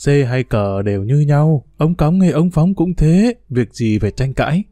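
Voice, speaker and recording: A man's voice: fairly high pitch, lively intonation, moderate pace, warm tone, no room sound, close to an everyday voice. A man doing a soothing old grandmother. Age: older. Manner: soothing, smoothing things over. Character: gentle, placating old grandmother, easygoing.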